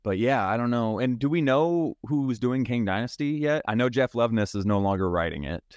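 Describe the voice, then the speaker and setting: A man's voice: mid-range voice, expressive, a little fast, darkish tone, no echo, studio quality. A man on a casual podcast who laughs often and gives hesitant opinions. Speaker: podcast guest.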